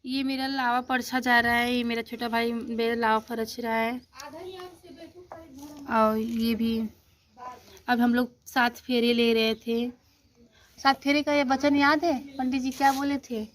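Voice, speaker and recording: A woman's voice: fairly high pitch, level tone, slow pace, pauses often. Chatty young woman. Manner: chatty, explaining step by step with many fillers. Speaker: vlogger. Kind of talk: casual narration of a photo album.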